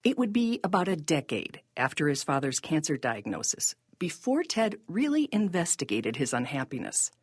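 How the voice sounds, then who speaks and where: Husky low-voiced woman narrating. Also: sing-song, moderate pace, hardly any pauses, no echo, studio quality. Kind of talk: scripted documentary narration.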